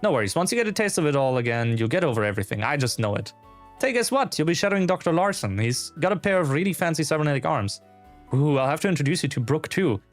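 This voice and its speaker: A man's voice: fairly high pitch, big pitch swings, quick pace. A man voicing an upbeat, chatty young technician and loyal best friend in a game, informal and reassuring, with music behind. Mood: excited.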